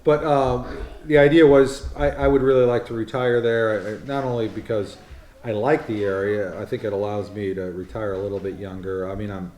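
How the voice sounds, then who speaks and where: A brisk, steady, darkish voice pitched lowish, heard in a roomy space, belongs to an American vlog co-host in his fifties. His casual chat rambles and teases, and he often restarts to correct himself.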